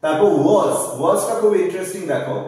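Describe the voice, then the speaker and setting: A fast-talking man with a high-sitting, darkish voice runs a live English phonetics lesson. He splits words into individual sounds one at a time and says them again, and the mic sits far away in a room full of echo.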